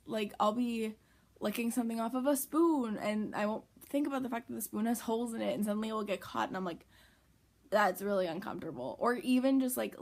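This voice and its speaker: A woman's voice: medium pitch, creaky. Woman chatting candidly in a casual vlog. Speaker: vlogger. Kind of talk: casual first-person vlog chat.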